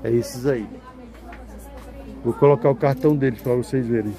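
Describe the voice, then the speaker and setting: A man's voice: mid-range voice, steady tone, moderate pace, a crowd in the background. A man from Ceará with a Ceará accent, chatting casually as he films a clothing market tour and asks stall sellers about prices. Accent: Brazilian Portuguese, Ceará. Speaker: vlogger touring a clothing market. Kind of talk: casual walk-through commentary. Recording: noisy market floor.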